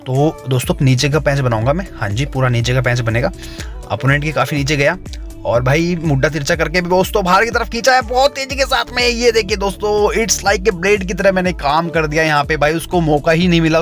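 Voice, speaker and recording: A young man vlogging from an open rooftop, chatting casually and calling out a kite match live. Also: a little high. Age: young adult. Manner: chatty, keeps saying "friends" and "okay?". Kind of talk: casual demo and live commentary.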